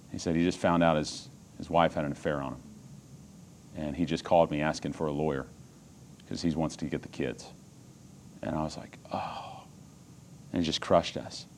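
A middle-aged man from Texas, preaching a sermon as personal storytelling, earnest and moving from hushed lines to loud, emphatic ones. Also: deep voice, slight background noise.

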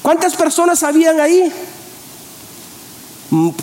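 A man with a very high voice preaches a lively sermon, stumbling into restarts and repeated words as he goes. The room around him is echoey. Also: unhurried. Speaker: pastor.

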